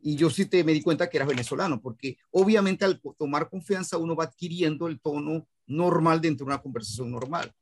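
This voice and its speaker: Male host, slightly high voice, measured and reflective in conversation. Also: slight background noise. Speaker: interviewer, host. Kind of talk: casual interview talk.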